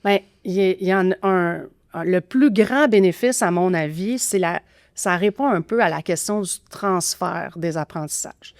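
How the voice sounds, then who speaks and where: A woman with a Québécois accent, a grammar teaching expert, guests on a podcast explaining teaching methods. Her lowish voice moves at normal speed, thoughtful yet full of fillers and restarts, in a dry, clean studio recording.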